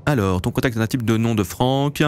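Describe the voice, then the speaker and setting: A man in his late twenties with a mid-range, slightly mellow voice hosts a let's play, speaking fairly quickly. He chats casually with viewers as he plays, in an easy, loose way, with a faint hiss behind him.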